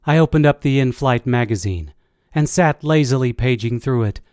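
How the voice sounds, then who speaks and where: A man's voice: medium pitch, moderate pace, a little mellow, dry recording. Man narrating an audiobook, dry sound. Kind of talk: first-person audiobook narration.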